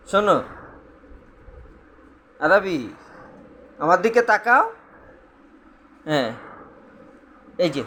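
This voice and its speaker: A man's voice: high-pitched, fairly bright tone, slight background noise. A man at home talking to his toddler in coaxing, sing-song baby talk, full of playful exclamations. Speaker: father filming his toddler. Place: at home indoors.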